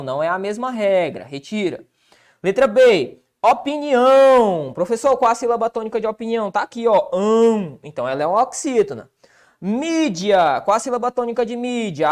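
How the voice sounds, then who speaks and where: A man with a Brazilian accent teaching an exam-prep grammar lesson, colloquial and answering his own rhetorical questions. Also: high-pitched. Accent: Brazilian Portuguese.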